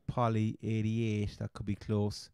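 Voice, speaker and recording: A man's voice: lowish voice, monotone, a little slow, a little mellow, clean tone, no room sound, clean studio sound. An Irish man with a Cork accent hosting a casual sports chat, rambling and often repeating his words. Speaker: podcast host. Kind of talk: casual chat, fantasy football commentary.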